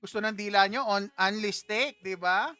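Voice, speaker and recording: A man's voice: sits high, normal speed, background noise. A man hosting a casual livestream, chatting with viewers in a playful, teasing way and laughing often. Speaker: livestream host.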